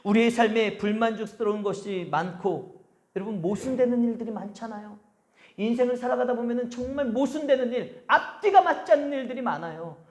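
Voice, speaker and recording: A pastor preaching a Sunday sermon at a church service, pressing the congregation with repeated rhetorical questions and slowing down to stress key phrases. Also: male voice, very high voice.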